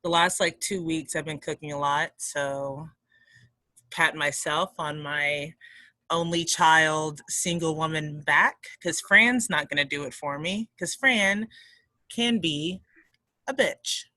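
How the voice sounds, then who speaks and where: A woman's voice: low-pitched, slow, sharp tone, no room sound, poor audio. A woman co-hosting a podcast in casual chat, rambling and swearing as she jokes. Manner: rambling, profane, joking. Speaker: podcast co-host.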